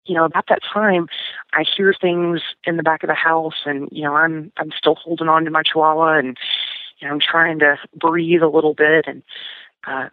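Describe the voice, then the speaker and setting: A woman's voice: low-pitched, fairly even intonation, normal speed, no room sound. A woman casually recounting a personal experience as a guest, talking with many fillers and restarts. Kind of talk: casual storytelling. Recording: tinny phone line, dry.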